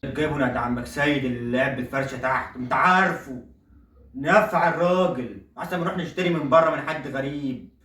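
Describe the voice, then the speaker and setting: Brief: man as boastful Egyptian comedy-sketch dad, fast talker, echoey far-off room sound. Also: mid-range voice, pushed and bright, close to an everyday voice. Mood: coaxing. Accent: Egyptian Arabic. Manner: boastful, coaxing, keeps saying look. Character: middle-aged Egyptian dad, stingy, boastful salesman of cheap shirts. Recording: roomy echo, voice far from the mic.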